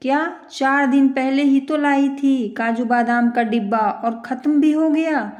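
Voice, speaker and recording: A woman's voice: on the high side, steady tone, unhurried, natural voice. A woman voicing a stern older mother-in-law who scolds and suspects, in an echoey room. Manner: scolding, suspicious.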